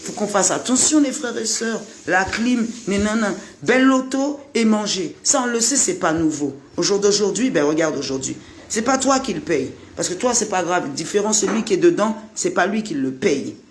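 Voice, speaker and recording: Man from Guadeloupe, high voice, preachy repetitive vlog rant, faint hiss behind. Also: lively intonation, normal speed. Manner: repetitive, rhetorical, addresses the listener directly. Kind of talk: impassioned monologue to camera.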